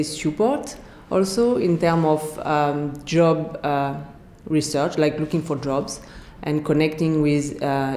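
A French scientist in her thirties, speaking with a French accent, answers interview questions in a bright indoor office, with many fillers and restarts. Her deep, mellow voice sounds roomy, with a little hiss or hum.

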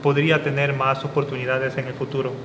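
A man's voice: mid-range voice, flat delivery, quick pace, roomy sound, long reverb tail, noisy background. A young man from South Korea, a guest in a casual interview, talking thoughtfully and often restarting his sentences. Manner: thoughtful, with frequent restarts and fillers. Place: studio with dark curtain backdrop.

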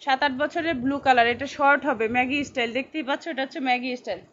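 High-pitched and very fast, her fairly bright voice keeps a fairly even intonation as she chats through a live-stream clothing sale. She repeats sizes and reads buyers' names aloud; the stream audio is dull and lo-fi with a faint hiss of noise.

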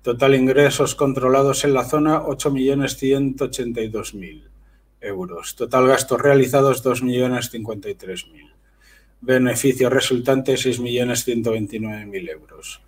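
Husky man reading figures aloud. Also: medium pitch, moderate pace. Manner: list-like reading with brief asides. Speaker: channel host. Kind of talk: reading handwritten documents aloud. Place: voice-over on a screen recording.

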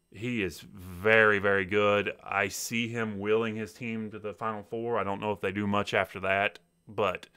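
Bright-voiced laid-back man talking sports. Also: fairly low pitch, smooth. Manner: laid-back, laughs easily, hesitant fillers. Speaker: podcast co-host. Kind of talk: casual sports chat.

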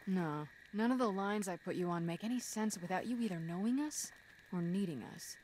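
An actress playing a guarded, sharp-witted, coolly defiant young woman in a video game, with a dry, matter-of-fact delivery. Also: medium pitch, fairly quick, a little hiss or hum, close to an everyday voice.

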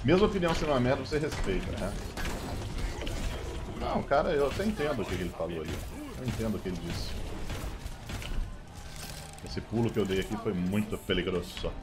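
A man with a Brazilian Portuguese accent giving excitable live gameplay commentary, shouting playful callouts and cheers. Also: lowish voice, brisk, pauses often, background noise. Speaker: gaming YouTuber. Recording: game music playing under the voice.

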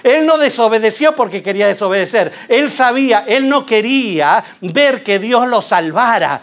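A man preaching a sermon, telling a Bible story with rhetorical questions and lively storytelling. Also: high voice, normal speed.

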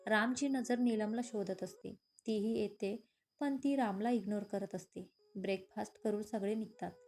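Mellow-voiced woman storyteller. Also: medium pitch, moderate pace, faint music behind. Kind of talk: romance story narration.

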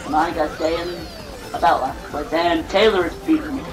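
A man's voice: on the high side, very animated, poor audio. A young man chatting casually and joking while playing a racing game with his cousin. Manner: joking, rambling, quick laughs. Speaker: gamer recording a video. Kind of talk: casual gameplay chat.

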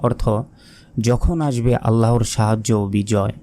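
A man teaching Quran recitation, spelling out each letter and vowel mark before sounding the word slowly. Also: lowish voice, little pitch movement, mellow. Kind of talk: slow letter-by-letter recitation lesson.

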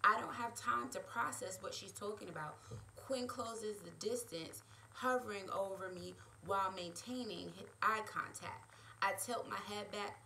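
A woman author reading her own romance novel aloud in a steady, expressive way. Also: medium pitch, moderate pace, vocal fry, slight background noise, rough recording.

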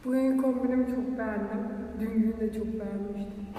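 A woman's voice: on the high side, fairly even intonation, a little fast. A woman vlogging her school day, chatting and rambling, her voice echoing around an empty classroom. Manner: chatty, rambling, giggly storytelling. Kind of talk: casual chatty vlog. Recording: roomy echo with long reverb, faint room noise.

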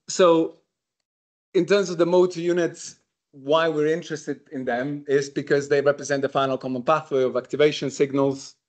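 A man from Slovenia giving an academic lecture in English, explaining in a conversational way with frequent ums and restarts. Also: mid-range voice. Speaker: university researcher giving a lecture. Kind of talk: academic lecture at a summer school. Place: lecture room.

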